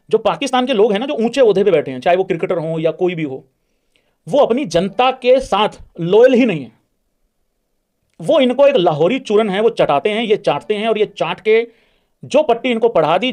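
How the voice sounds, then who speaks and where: A man's voice: high voice, a little mellow. A man hosting a cricket livestream, ranting bluntly and mockingly while answering viewers' super chats. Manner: heated, mocking and blunt, addresses viewers as brothers. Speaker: live-stream cricket host reading super chats. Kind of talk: casual live-stream rant and chat replies.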